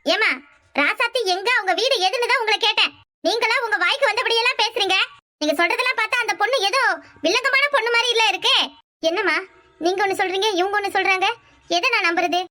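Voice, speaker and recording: A woman's voice: extremely high pitch, quick pace, pushed and bright. A woman voicing a stern, impatient policewoman in a cartoon, with a Kanyakumari Tamil accent and a curt, businesslike manner. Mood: questioning. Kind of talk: cartoon voice acting.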